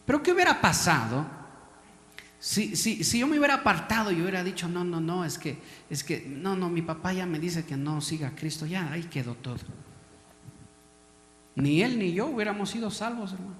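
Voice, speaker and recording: A man's voice: high voice, lively intonation, moderate pace, fairly bright tone. A man with an Ecuadorian Spanish accent preaching a sermon as a pastor, pressing the congregation with questions and calling them brother. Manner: preachy, repeatedly addresses listeners as brother. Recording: echoey hall, long reverb.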